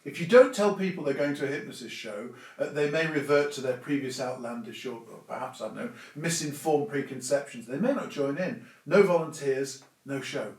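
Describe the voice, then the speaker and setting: A man's voice: mid-range voice, fairly quick, hardly any pauses. A man gives an informal, instructive talk in an emphatic, conversational manner. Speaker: stage hypnosis presenter giving advice. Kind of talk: informal explanatory talk to camera or audience. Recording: echoey room, distant microphone.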